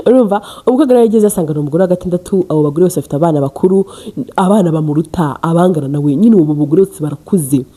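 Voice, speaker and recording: Brief: fast-talking woman from Rwanda, casual storytelling vlog, dark mellow tone, chatty. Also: low-pitched, breathy edge. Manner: chatty, addresses listeners directly, mixes in English. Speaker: storyteller vlogger.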